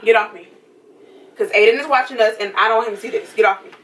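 Angry woman shouting in a distant room. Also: on the high side, quick pace. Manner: angry, blunt, repeats herself, threatens. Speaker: vlogger, prank target. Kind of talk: heated argument with partner. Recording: distant mic with faint noise.

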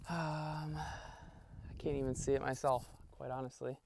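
A man's voice: medium pitch, flat delivery, unhurried, gravelly, darkish tone, a little hiss or hum. A young man vlogging outdoors in a park as he trains his puppy, switching between casual talk to viewers and upbeat praise and commands for the dog.

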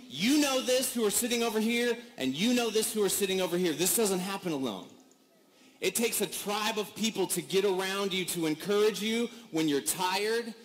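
A man giving a commencement speech, telling a story in an animated, comic way and acting out the people in it. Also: sits high, slight background noise. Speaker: commencement speaker.

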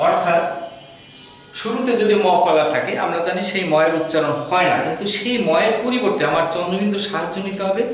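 A man gives a grammar lesson in a high-pitched voice, patiently spelling things out and saying example words over and over so they are pronounced right. He sounds far from the microphone in a very echoey room. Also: faint music behind. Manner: patient, repeats example words slowly to model pronunciation. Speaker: Bengali language teacher.

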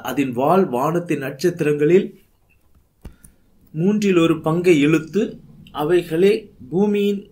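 Tamil pastor guy preaching, slightly high voice, reads scripture and builds up emphasis. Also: a little mellow. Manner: preaching with rising emphasis, reading scripture aloud. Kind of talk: sermon.

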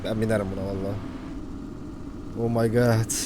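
A young man commentating casually on a video game he plays, excitable and joking with his viewers. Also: fairly low pitch, normal speed, background noise. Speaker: gaming youtuber. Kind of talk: casual let's-play commentary.

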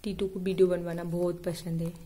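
A woman's voice: lowish voice, little pitch movement, fairly quick, mellow, a little hiss or hum. A woman talking casual baby talk to her pet parrot, coaxing and sing-song, laughing often, filmed on a phone at home. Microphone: phone camera.

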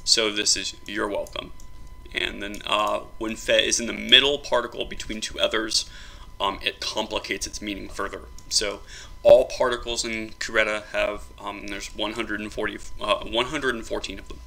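A man explaining a phrasebook for his invented language, in a halting, casual way with many ums and restarts. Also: fairly low pitch, level tone, vocal fry, pushed and bright. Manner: halting, many ums and uhs, self-correcting.

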